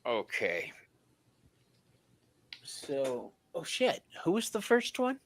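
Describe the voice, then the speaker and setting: A man's voice: a little high, wildly swooping pitch, very slow. A man hosting a casual tarot reading stream, bantering in a giggly, self-mocking way. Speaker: tarot reader and stream host.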